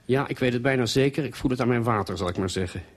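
A man's voice: mid-range voice, fast talker, lightly acted. Male reader as a suspicious husband, earnest and brooding, in the reader's own voice. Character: anxious middle-aged husband, earnest and suspicious. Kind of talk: storytelling reading.

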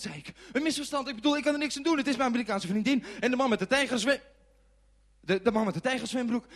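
An actor playing a clumsy, bandaged forest ranger who tells children a dramatic story, swinging from hushed murmurs to shouts. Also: male voice, mid-range voice, slightly rough. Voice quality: animated, sweeping from hushed to shouting. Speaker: children's TV presenter in character.

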